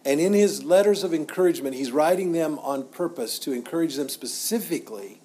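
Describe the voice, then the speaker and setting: A middle-aged man teaching as a pastor in an informal, halting, conversational way, often repeating himself. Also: fairly high pitch, animated, warm tone, husky.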